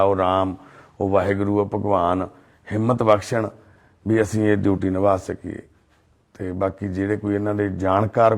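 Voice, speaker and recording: A man speaks in a low, gravelly voice, gentle and reverent as he reassures an elderly couple. He is a charity volunteer making an on-the-spot appeal inside a family home. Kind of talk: on-the-spot appeal and consoling talk.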